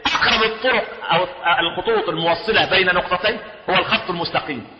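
Fast, high-voiced Egyptian preacher in an echoey hall. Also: male voice, noisy background. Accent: Egyptian Arabic. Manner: animated, asks rhetorical questions and answers them. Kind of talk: sermon. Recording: echoey hall with a dull sound.

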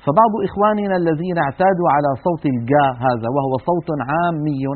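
A man gives a Quran recitation lesson at a brisk pace, modelling each syllable and pressing his point with earnest rebukes. His voice sits a little high and has a husky edge. The sound is thin and tinny, like an old phone line. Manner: demonstrates sounds, repeats syllables, earnest and admonishing. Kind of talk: tajweed lesson on letter pronunciation.

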